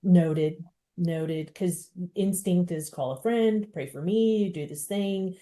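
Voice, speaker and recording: A middle-aged woman hosting a conversational interview, animated and quick, with frequent restarts. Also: mid-range voice. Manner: animated, fast-talking with restarts. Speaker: podcast host.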